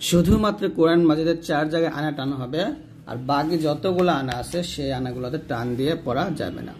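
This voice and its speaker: A man teaching the rules of Quran recitation in a fairly high voice, walking through a book page by page. He points out examples as he goes and slowly draws out and chants each example word. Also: a little mellow, slight background noise. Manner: slow drawn-out chanting of example words; points at the page while explaining. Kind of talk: explaining tajweed rules from a book.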